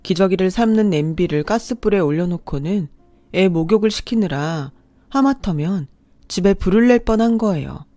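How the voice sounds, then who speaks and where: Low-voiced older woman narrating a story. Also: a little mellow, no echo. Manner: confiding, emotional first-person storytelling. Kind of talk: radio drama storytelling narration.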